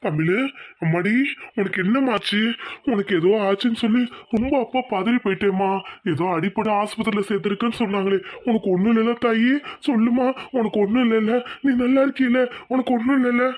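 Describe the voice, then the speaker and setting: High-voiced worried village father. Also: fairly even intonation, a little fast, darkish tone. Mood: anxious. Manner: anxious, doting, rustic talk. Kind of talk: cartoon voice acting.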